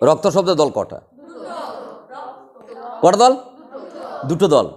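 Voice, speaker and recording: A teacher from West Bengal lectures a class slowly, firing short questions at the students and repeating them until someone answers. His high voice jumps in wide, animated leaps.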